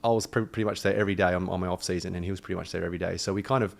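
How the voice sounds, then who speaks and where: An Australian man in his thirties, a podcast guest chatting casually, relaxed and jokey. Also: low-pitched, racing, vocal fry. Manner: relaxed, jokey, laughs often.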